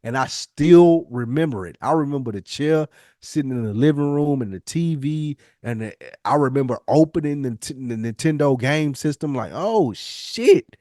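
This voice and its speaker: Expressive and dark-toned, this man in his forties co-hosts a podcast, telling personal stories casually at a moderate pace with medium pitch. He swears, uses slang, and repeats phrases to drive points home, recorded studio-quality without echo.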